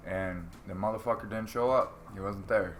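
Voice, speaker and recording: A man's voice: fairly low pitch, normal speed, a little hiss or hum. A man telling a fight story to friends in casual, profane chat, acting out what people said. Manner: profane, animated, acts out quotes. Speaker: amateur fighter.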